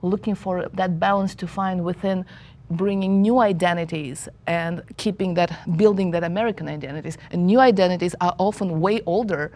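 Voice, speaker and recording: A woman's voice: fairly low pitch, fairly quick, hardly any pauses, a little mellow. A woman in her forties with a Russian accent, talking on a discussion panel and searching for her words with restarts. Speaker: panel guest.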